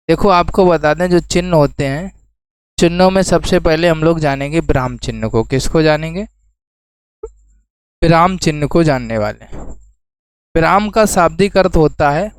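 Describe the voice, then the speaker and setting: A man's voice: a little high, clear, resonant tone, no echo, low-quality recording. Man teaching exam prep, question-and-repeat style. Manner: explains then repeats key terms as questions to students.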